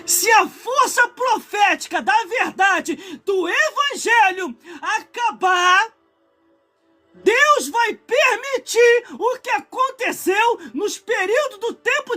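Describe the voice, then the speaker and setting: Fervent, high-voiced Brazilian preacher in his forties. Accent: Brazilian Portuguese. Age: 40s. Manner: impassioned preaching that swells into shouts, broken by chatty asides to viewers. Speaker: pastor. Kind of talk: live-streamed sermon.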